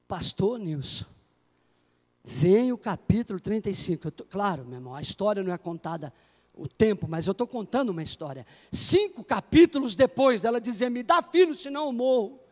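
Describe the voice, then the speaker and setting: A Brazilian man, a pastor, preaching a sermon in a church in an animated way full of jokes. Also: high voice, normal speed, long pauses. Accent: Brazilian Portuguese. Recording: long church hall reverb.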